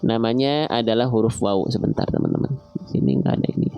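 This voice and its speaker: A man teaching Quran recitation online, slowly repeating and drawing out recited phrases and asking his listeners questions. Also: fairly low pitch, wildly swooping pitch, creaky, clear, resonant tone, highs cut off. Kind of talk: online tajwid lesson.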